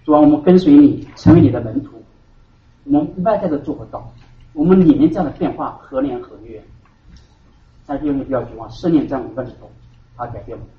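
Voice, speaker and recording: A man preaching a sermon to his congregation as their pastor. He hammers key words loudly, then drops to hushed asides. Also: a little high, fast, long pauses. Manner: emphatic preaching, swinging between loud stresses and hushed asides. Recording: roomy hall from a distant, dull mic.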